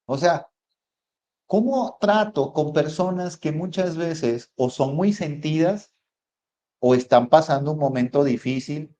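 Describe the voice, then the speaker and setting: A man's voice: medium pitch, mellow, highs cut off. A man with a Mexican accent, a psychologist giving a conversational motivational talk full of rhetorical questions. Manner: conversational, asks rhetorical questions, addresses audience as friends. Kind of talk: motivational lecture.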